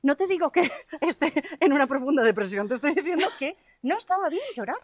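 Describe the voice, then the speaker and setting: Woman rattling off stories on a dog walk, bit high pitched, super fast, swears a lot, dry close sound. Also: dry recording. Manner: fast, animated storytelling with swearing; tearful-prone, emotional retelling. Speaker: podcast co-host. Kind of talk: casual chat while walking dogs. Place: outdoors on a street, walking a dog.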